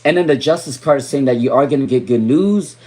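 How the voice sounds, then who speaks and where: A young adult man from Rhode Island giving live tarot readings on a stream, repeating viewers' names and muttering softly while he draws cards. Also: mid-range voice, quick pace. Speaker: tarot reader.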